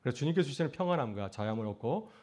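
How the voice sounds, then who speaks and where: A man's voice: medium pitch, animated, racing, darkish tone. A middle-aged man, a pastor, preaching a sermon earnestly, asking rhetorical questions and rising to emphatic peaks.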